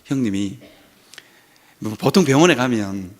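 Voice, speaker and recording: A man's voice: medium pitch, animated, a little slow. A male pastor preaching a sermon in a church, telling a family story and acting out the dialogue in it.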